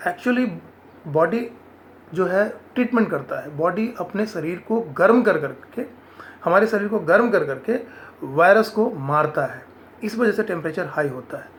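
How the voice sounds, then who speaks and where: A man from India explains health tips in an earnest, advising way, slipping English words into his talk. His voice sits a little high for a man. A faint hiss of background noise runs under the recording. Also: lively intonation, unhurried, a bit bright.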